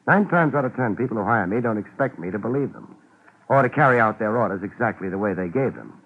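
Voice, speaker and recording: An actor playing a tough, wry private detective in an old radio crime drama, talking in a terse, dryly sardonic way. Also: male voice, on the low side, lively intonation, fast, slightly rough. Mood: wry, needling. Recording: muffled, narrow-band old radio recording with hiss.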